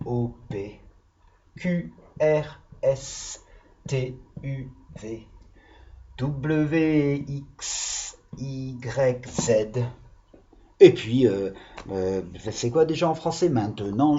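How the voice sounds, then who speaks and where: Male teacher for young kids, lively pitch, mellow tone, patient and encouraging, dull lo-fi recording. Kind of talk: lesson for young children.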